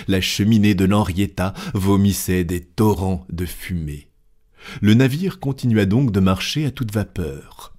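A man narrating a classic adventure novel as an audiobook, in a steady, deliberate storytelling manner. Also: fairly low pitch.

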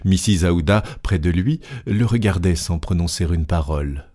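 A man narrating a classic novel as an audiobook, with a steady, deliberate reading. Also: deep voice.

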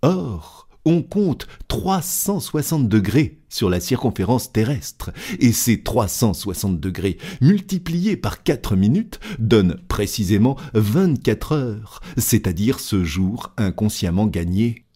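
A man reading a classic novel aloud as an audiobook narrator, in a measured, deliberate storytelling manner. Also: fairly low pitch, big pitch swings, mellow, slightly rough. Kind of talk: scripted narration.

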